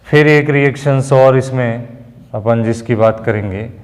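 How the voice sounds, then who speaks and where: A man teaching chemistry in a classroom lecture, explaining slowly and mixing Hindi and English terms. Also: medium pitch, darkish tone. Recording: long room reverb.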